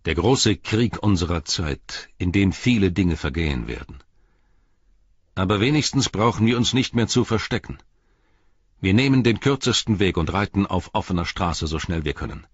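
A man reading the lines of an old king, grave and commanding, measured in his speech, in a dull lo-fi audiobook recording. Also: sits low, expressive, slightly rough, dry recording.

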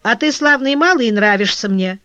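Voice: mid-range voice, lively intonation, a little fast, sharp tone, clear, resonant tone, dry recording. Narrator doing a sneaky crook guy, hinting, voice bouncing around, dry muffled audiobook. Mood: sly. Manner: secretive, insinuating. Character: sly scheming male Parisian crook. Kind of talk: audiobook character voice. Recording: dull dry lo-fi recording.

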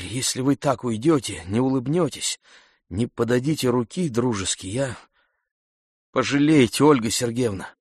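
Man doing a shy, pleading gentleman. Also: medium pitch, dry recording, clean studio sound. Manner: soft, hushed and pleading.

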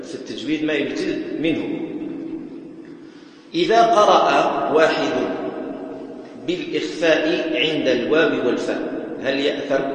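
A man teaching Quran recitation rules in a patient lecture style, repeating his points and chanting short examples. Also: on the high side. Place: mosque prayer hall. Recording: echoey mosque hall with long reverb.

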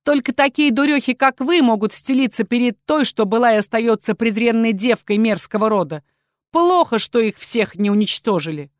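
A woman's voice: a little high, expressive, normal speed, no echo, clean studio sound, voice pushed up, lightly acted. A woman reading a storybook voices a spiteful young female werewolf with a mocking, snarling manner. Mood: sneering.

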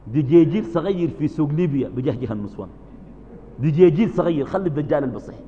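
A man preaching in Sudanese Arabic, asking his listeners questions and answering them himself, calm one moment and suddenly loud and emphatic the next. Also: on the high side, quick pace, big-room sound, dull audio, a little hiss or hum. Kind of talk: religious lesson.

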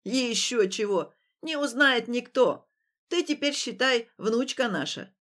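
A woman playing a gruff, scolding old village woman. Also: on the high side, lively intonation, a little slow, fairly bright tone. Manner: brusque, scolding.

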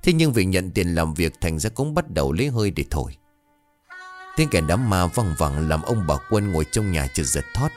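A man narrating a folk tale as a storyteller in a lively, expressive way. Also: sits low, normal speed, faint music behind.

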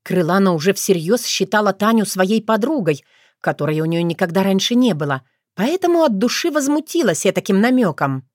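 A woman reading a fantasy audiobook aloud, her pitch rising and falling in a lively way. Her voice sits mid-range for a woman. The recording is dry and close with no room sound. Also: a little fast, no echo. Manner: expressive storytelling. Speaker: narrator. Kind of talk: audiobook narration.

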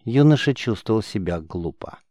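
A man narrating a fantasy audiobook in an even storytelling manner. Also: on the low side, moderate pace, no echo, clean studio sound. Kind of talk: scripted narration.

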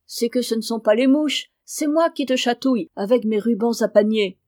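A woman reading the lines of a playful, good-natured farm boy in a storybook, in a lively tone. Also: a little high, normal speed, no echo, clean studio sound, natural voice.

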